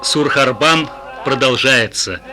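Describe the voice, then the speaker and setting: A man's voice: mid-range voice, takes it slowly, noisy background. A man reading formal, declamatory narration for an old archival newsreel as a studio voice-over. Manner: formal, declamatory announcer delivery. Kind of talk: scripted documentary narration. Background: loud music.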